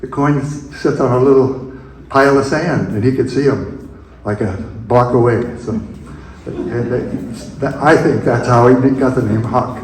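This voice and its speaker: A man's voice: mid-range voice, steady tone, a little hiss or hum. Older man reminiscing in an echoey room. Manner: rambling, halting storyteller with chuckles. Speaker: invited speaker. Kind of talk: telling personal memories at an event. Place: room at a museum event.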